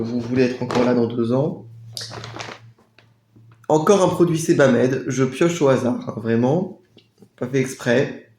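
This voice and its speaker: A man chatting casually through a product haul review, hesitating often and sounding out foreign labels slowly. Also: medium pitch, noisy background. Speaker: vlogger reviewing a shopping haul. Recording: echoey room.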